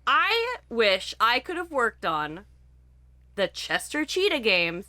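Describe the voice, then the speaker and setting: A young woman co-hosts a casual gaming podcast. She sounds bright and animated, with a fairly high pitch, and she giggles and swears as she chats. Her voice is close and dry on the mic. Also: slow pace, dry recording. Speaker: podcast co-host. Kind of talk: casual chat.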